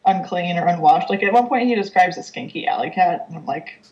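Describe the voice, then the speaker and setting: A woman co-hosting a casual podcast, animated and acting out her reactions as she talks about a book. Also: lowish voice, fairly quick, lo-fi sound. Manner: animated, acts out reactions in quotes. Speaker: podcast co-host.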